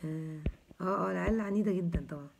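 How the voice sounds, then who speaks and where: A woman's voice: fairly low pitch, racing, creaky, darkish tone, slight background noise. A woman in her thirties with an Egyptian accent, hosting a casual live chat and answering viewers with jokes and teasing. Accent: Egyptian Arabic. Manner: joking, teasing, chatty. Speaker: host answering viewers' comments.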